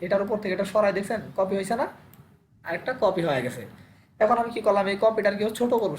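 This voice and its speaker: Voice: mid-range voice, slight background noise. A Photoshop instructor teaching a live online class, who keeps asking and answering their own questions and repeats each step. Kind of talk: live online class, screen-share tutorial.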